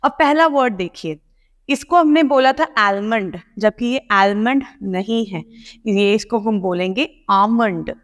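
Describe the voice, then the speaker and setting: High-voiced woman teaching in a reverberant hall. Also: unhurried. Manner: explanatory, addresses students directly. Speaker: PTE coaching teacher. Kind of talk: spoken lesson in Hindi-English mix.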